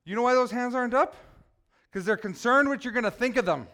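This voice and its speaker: A pastor with a very high voice talks fast through a relaxed, conversational sermon. He jokes with the congregation and teases people by name.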